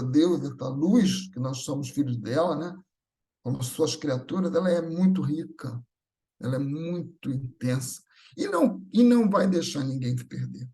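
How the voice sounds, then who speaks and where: A Brazilian guest at a Spiritist gathering speaks with a Brazilian Portuguese accent, his voice on the high side yet dark in tone. Improvising a religious talk, he stays earnest and reassuring, frequently building his points through repeated phrases.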